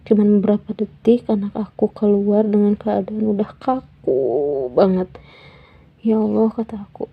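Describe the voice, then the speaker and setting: A woman tells a personal story in a soft, halting voice that often drops near a whisper, sounding tearful. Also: mid-range voice, vocal fry, breathy edge, narrow, tinny audio. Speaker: vlogger.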